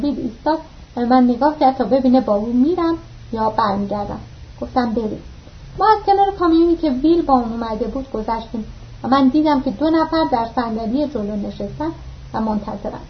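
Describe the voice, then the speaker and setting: A woman reading an audiobook aloud, narrating the story and voicing the dialogue lines with mild shifts of pitch. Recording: muffled lo-fi recording.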